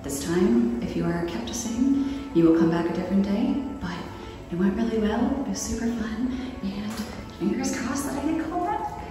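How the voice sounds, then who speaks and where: Young woman, casual vlog chat, upbeat, handheld camera, background music, mid-pitched voice. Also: normal speed, low-quality recording. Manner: upbeat and chatty. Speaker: vlogger and professional dancer.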